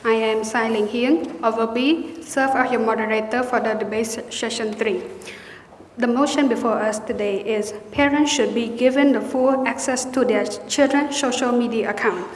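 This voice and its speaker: A young woman moderating a debate in a formal, careful, slightly halting way. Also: fairly high pitch, fairly even intonation, slight background noise. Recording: roomy hall reverb.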